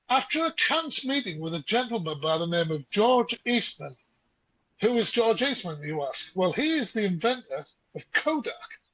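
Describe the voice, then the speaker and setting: A man's voice: high voice, fairly bright tone, slightly rough, no echo, low-quality recording. A man co-hosting a podcast, telling stories in a chatty, casual way. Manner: chatty storyteller. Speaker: podcast co-host. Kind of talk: casual chat.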